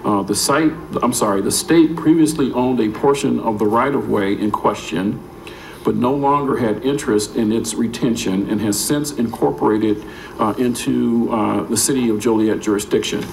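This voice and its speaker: Gravelly American man reading a formal report. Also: medium pitch, normal speed, darkish tone. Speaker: city planning staff member. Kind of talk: formal staff report, read aloud. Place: public meeting room. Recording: echoey room with faint noise.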